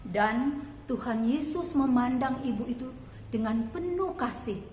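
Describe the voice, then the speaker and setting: A woman narrating a children's Bible story slowly and expressively. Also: on the high side, a little mellow, a little hiss or hum. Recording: echoey hall, faint ambience.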